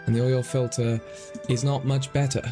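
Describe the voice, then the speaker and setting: A man's voice: mid-range voice, little pitch movement, moderate pace, music in the background. A man streaming a driving game, thinking aloud in rambling, self-conscious commentary. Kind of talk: casual gameplay commentary.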